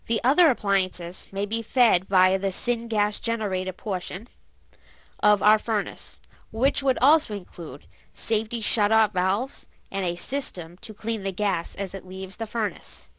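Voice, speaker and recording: Woman host, scripted how-to voice-over, steady explaining, mid-pitched, close dry recording. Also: dry recording, rough recording. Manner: steady, explanatory, with small slips. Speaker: channel host narrating.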